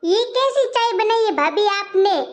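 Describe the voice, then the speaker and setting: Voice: very high-pitched, animated, a little slow. A performer playing a nagging grown daughter who scolds and complains in a comic family skit. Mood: scolding. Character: nagging grown daughter, sharp-tongued and bossy.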